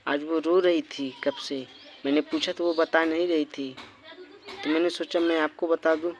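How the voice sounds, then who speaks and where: A man's voice: on the high side, fairly even intonation, normal speed, a little hiss or hum, lightly acted. A man putting on a fussing village mother. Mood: scolding. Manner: scolding, fussing.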